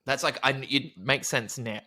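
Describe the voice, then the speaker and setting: A man co-hosting a podcast, chatting about a reality show in a camp, expressive way, swearing freely. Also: medium pitch, normal speed. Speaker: podcast co-host. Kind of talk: casual recap chat.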